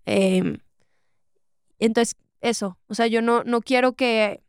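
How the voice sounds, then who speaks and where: A woman's voice: fairly high pitch, steady tone, slow pace, smooth, no room sound, studio quality. A young woman in her twenties from Monterrey with a Mexican accent, a guest talking thoughtfully in a casual interview, often saying "o sea" and "¿sabes?". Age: 20s. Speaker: guest, singer.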